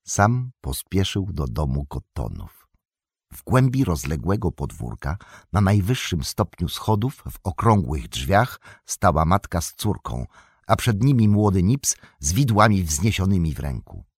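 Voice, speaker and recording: A man narrating an audiobook in a measured, expressive reading. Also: deep voice, husky, no room sound, clean studio sound. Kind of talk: scripted narration.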